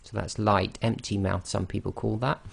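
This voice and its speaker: A man teaching a slide-based online lesson, explaining slowly and carefully and often checking in with "okay". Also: lowish voice, steady tone, vocal fry, slightly rough. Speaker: Quran recitation teacher.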